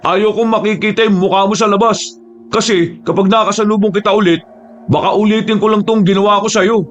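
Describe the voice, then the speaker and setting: Sneering young bully, done by a male storyteller; raised pitch, mocking. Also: steady tone, fairly quick, soft background music, lightly acted. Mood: menacing. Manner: taunting, sneering.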